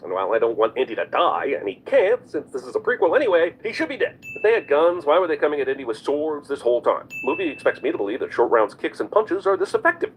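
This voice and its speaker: A man's voice: high voice, slight background noise, rough recording. A man giving sarcastic, profane movie commentary, mocking the film with rhetorical questions.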